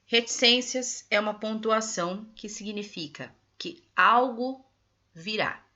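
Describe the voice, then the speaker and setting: A woman's voice: mid-range voice, a little slow, pushed and bright. A woman teacher with a Brazilian Portuguese accent, going over textbook exercises with her pupils and stressing each phrase. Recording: dull lo-fi recording.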